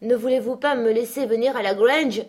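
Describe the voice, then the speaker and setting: A woman's voice: fairly high pitch, fairly quick, a little mellow, pitched above the performer's own voice, natural voice. A woman doing a sickly, whining young man. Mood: pleading.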